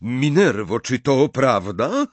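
A man voicing a shaken, gentle middle-aged father asking slow, pleading questions. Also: mid-range voice, sing-song, no echo, pitched above the performer's own voice. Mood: anxious.

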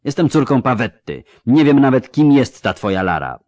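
A man's voice: medium pitch, big pitch swings, normal speed, a little mellow, no echo, clean studio sound, lightly acted. A man voicing a proud, angry young woman who protests in heated, indignant outbursts.

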